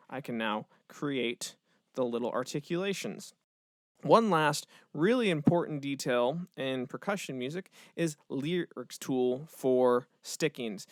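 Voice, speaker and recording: A man, a music educator, casually walking through a software tutorial step by step, with the odd filler word. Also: fairly high pitch, no room sound, clean studio sound. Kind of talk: screen-recorded software tutorial.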